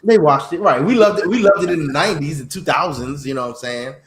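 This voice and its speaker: A man hosting a casual chat, animated and playful, reading greeting-card lines aloud, with a slight cough. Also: a little high, fast, roomy sound, a loud crowd. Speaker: podcast host.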